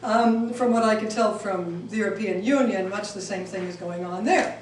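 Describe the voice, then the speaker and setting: A middle-aged Swiss-raised woman talks at normal speed with a medium pitch, presenting to an audience and answering their questions amid many ums and restarts. The sound is roomy and echoey, captured from far off with faint noise.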